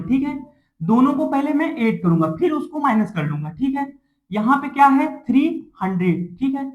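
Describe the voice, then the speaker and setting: A man's voice: extremely high pitch, poor audio. A man teaching a math lesson to a class, asking questions and answering them himself, repeating each step and checking in often.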